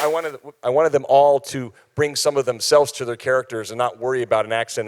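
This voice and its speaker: A film director answering questions at a press conference, earnest, with restarts. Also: male voice, mid-range voice, smooth.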